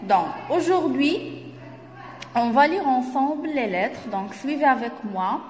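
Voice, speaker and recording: A woman with a Moroccan accent teaching a beginner reading lesson, spelling out letters and syllables slowly and clearly. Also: high voice, expressive, darkish tone, echoey room, in a large hall.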